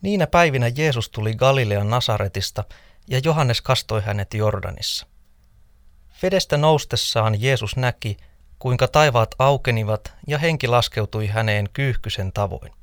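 A man in a scripted scripture reading, narrating in a measured, steady manner. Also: mid-range voice, dry recording, studio quality. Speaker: scripture reader.

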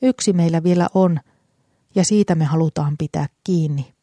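A reader voicing an old grieving man who speaks softly but firmly in an audiobook. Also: mid-range voice, dry recording, lightly acted. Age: older. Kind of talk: audiobook character voice.

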